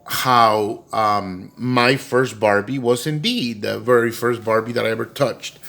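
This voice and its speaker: A middle-aged man telling a childhood story at home for his vlog, rambling with many fillers and jumping into a high voice for quoted lines. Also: a little slow, creaky, fairly bright tone. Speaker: doll collector vlogger.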